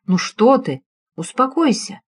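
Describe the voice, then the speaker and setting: A woman's voice: on the high side, sing-song, unhurried, slightly rough, pitched above the performer's own voice, heavily acted. A woman voicing a firm, insistent male senior investigator in an audiobook. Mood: soothing. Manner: insistent, commanding.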